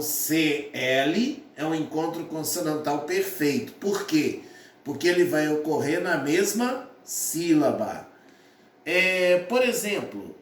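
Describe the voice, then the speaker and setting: A male teacher explains sounds slowly and patiently, repeating himself and spelling out syllables. His voice is fairly high and swoops up and down a lot. He stands a little back from the mic in an echoey room. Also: recorded from a distance. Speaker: Portuguese teacher. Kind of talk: classroom lesson explaining phonetics.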